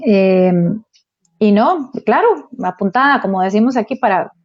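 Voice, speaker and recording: A woman's voice: medium pitch, lively intonation, measured pace, lo-fi sound. A woman with a Costa Rican Spanish accent, a guest educational psychologist, speaking eagerly in a casual online interview. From Costa Rica.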